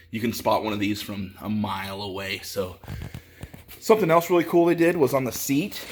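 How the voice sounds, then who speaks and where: A man giving a casual, halting walkthrough of a bike in a workshop, with lots of fillers, a bit out of breath. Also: fairly low pitch, slight background noise. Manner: rambling, halting, with many fillers. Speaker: bike reviewer. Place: indoor workshop.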